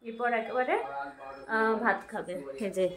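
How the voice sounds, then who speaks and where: A woman's voice: on the high side, unhurried, a bit bright. A woman vlogger narrating casually while she organises and cooks in her home kitchen. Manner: chatty, talks to viewers while doing kitchen chores, coaxing baby talk to a child.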